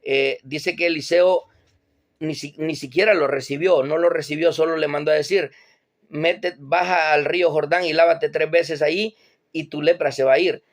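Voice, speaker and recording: A man's voice: fairly high pitch, fairly even intonation, moderate pace. A man retelling Bible stories in a plain, conversational way, as an informal teacher.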